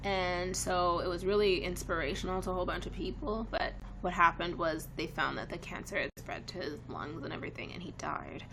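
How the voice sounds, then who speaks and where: A young woman whose first language is French chats casually on a live stream from her living room, rambling with lots of fillers into a headset with a webcam. Her fairly low, creaky voice moves a little fast with few pauses. The background is noisy.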